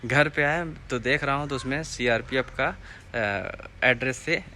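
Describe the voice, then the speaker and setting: A man's voice: medium pitch, moderate pace, sharp tone, slight background noise. A young man with an eastern Uttar Pradesh Hindi accent, telling a personal story to his viewers in a casual, rambling way, repeating phrases and asking them to comment.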